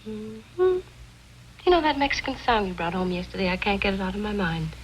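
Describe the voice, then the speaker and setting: An actress playing an affectionate young wife in a 1950s film, speaking tenderly and softly. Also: female voice, medium pitch, lively intonation, normal speed, close to an everyday voice, poor audio. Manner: tender, softly spoken, then anxiously pressing. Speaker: investigator's wife. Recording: hissy old film soundtrack.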